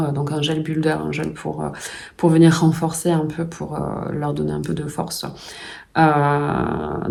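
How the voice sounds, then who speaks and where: Woman, vlogger, gravelly, lowish voice, gushing, lots of fillers. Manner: excited, gushing, many fillers and restarts. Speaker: puzzle vlogger. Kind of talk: casual vlog chat.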